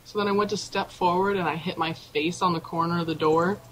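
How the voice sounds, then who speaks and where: A woman's voice: on the low side, fairly even intonation, a little fast, a bit bright, slight background noise, low-quality recording. A teenage girl guesting on a casual podcast with friends, telling stories in a chatty way. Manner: chatty, storytelling. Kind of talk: casual chat among friends.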